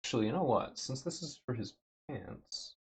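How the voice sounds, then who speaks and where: A man livestreaming as he paints a miniature, thinking aloud in a relaxed way with lots of fillers, his throat a bit dry and rough. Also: medium pitch, moderate pace. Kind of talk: casual livestream chat. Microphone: desk mic with noise gate.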